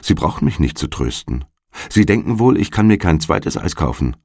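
A man's voice: low-pitched, sing-song, normal speed, vocal fry, a little mellow, dry recording, studio quality, exaggerated voice. A man reading the lines of a provocative young man who keeps goading a stranger with questions, in a storybook reading.

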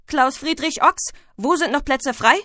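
A woman voicing a strict, sharp-tongued male schoolteacher in a read-aloud storybook. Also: sits high, measured pace, no room sound, studio quality, pitched above the performer's own voice. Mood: stern. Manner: sharp, commanding, loud.

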